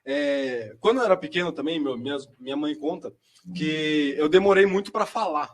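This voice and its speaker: A young man, telling his personal testimony in a chatty, slangy way as a seminarian guest. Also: on the high side. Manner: chatty, slangy storyteller, quick and lively. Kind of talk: personal testimony in casual chat.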